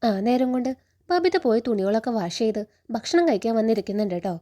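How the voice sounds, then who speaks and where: A woman with a Kerala Malayalam accent tells a TV serial's story in a rapid, chatty flow. Her voice sits a little high but sounds mellow and soft. She tags friendly particles onto her sentences as she narrates. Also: animated.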